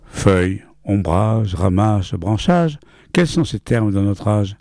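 A man's voice: lowish voice, takes it slowly, darkish tone, no echo, clean studio sound. A man reading a short story aloud, with a rhythmic, playful delivery that leans into wordplay.

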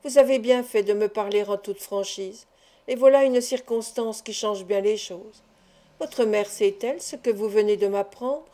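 Steady, confident older doctor, warm mellow tone, audiobook voiced by a woman. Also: mid-range voice, moderate pace, natural voice. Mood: reassuring. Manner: composed, reassuring. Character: calm, self-assured older male doctor.

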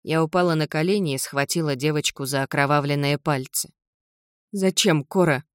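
A woman narrating an audiobook in the first person, in an even, measured storytelling voice. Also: deep voice, clear, resonant tone, no room sound, studio quality.

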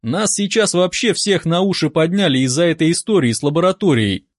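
A man's voice: a little high, brisk, no room sound, studio quality, close to an everyday voice. A man voicing a talkative, gossipy young policeman in an audiobook. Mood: chatty. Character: young chatty male small-town policeman.

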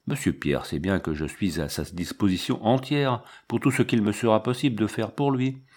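A devoted old manservant, discreet and earnest, as a male narrator voices him in an audiobook. He speaks respectfully in a fairly low voice. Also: normal speed, darkish tone, lightly acted. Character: loyal discreet old male family servant. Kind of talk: audiobook character reading.

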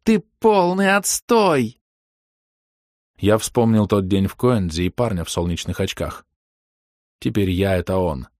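A man narrating an audiobook in the first person, in a steady, measured reading voice. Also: deep voice, no echo, studio quality.

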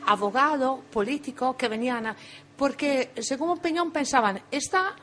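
A woman's voice: sits high, fairly bright tone. A woman from Italy who speaks Spanish with an Italian accent, answering questions in a radio interview and often restarting her words. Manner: halting, repeats and restarts words. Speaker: interview guest, former restaurant owner. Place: radio studio.

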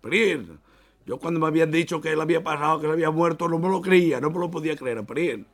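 A man voicing an excitable village man who wails and exclaims over a friend's death, in an overwrought manner. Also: a little high, quick pace, voice pushed up, lightly acted. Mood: consoling.

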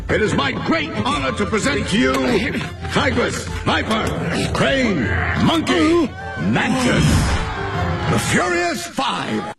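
A man's voice: extremely high pitch, sing-song, slow pace, vocal fry, loud music behind the voice, heavily acted. An actor playing a small, stern old male kung fu master, grandly announcing his students in a film clip. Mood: proud, grand. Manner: ceremonial proclaiming shout. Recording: film clip played on radio.

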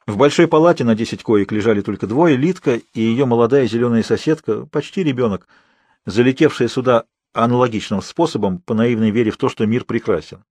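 A man with a husky, slightly breathy voice reads a novel in a steady, measured manner. The recording is dry and close, with no room sound. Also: mid-range voice, no room sound. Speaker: audiobook narrator. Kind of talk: scripted literary narration.

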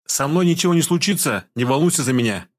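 A man reading an audiobook, voicing a calm, commanding young woman who gives firm orders. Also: on the high side, fast, voice pushed up.

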